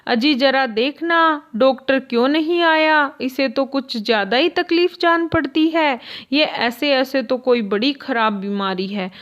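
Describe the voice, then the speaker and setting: A woman reads as a fussing mother from a play reading, coaxing her son in a tender, high voice and speaking slowly. The sound is dull and lo-fi. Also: a bit bright. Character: doting anxious mother soothing her sick son. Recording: dull lo-fi recording.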